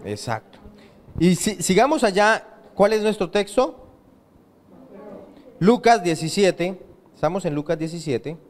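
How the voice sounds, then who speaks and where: Male pastor, high-pitched tenor, emphatic sermon with call-and-response questions. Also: lively intonation, measured pace, long pauses. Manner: quizzes the congregation with fill-in questions; emphatic, repeats key phrases. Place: church sanctuary.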